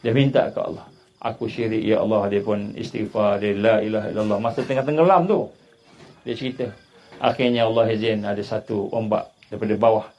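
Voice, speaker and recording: A man with a Malaysian Malay accent preaching a sermon, retelling a story with feeling and rising to loud emphatic peaks. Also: fairly low pitch, a little fast. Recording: dull lo-fi recording.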